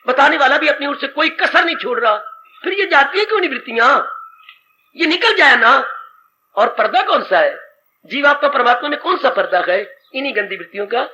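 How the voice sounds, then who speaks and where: A man preaching an animated devotional sermon, sighing and exclaiming as he teaches, on a dull old tape recording. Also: very high-pitched, a little hiss or hum. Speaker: spiritual teacher.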